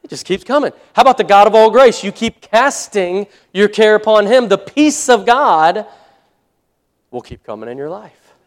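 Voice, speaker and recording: A fairly high-voiced male pastor preaching to his congregation. He talks to them conversationally, acts out their excuses, and swings between loud, stressed points and quiet asides. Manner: conversational preaching, acts out listeners' excuses, chuckles at own jokes. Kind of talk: sermon.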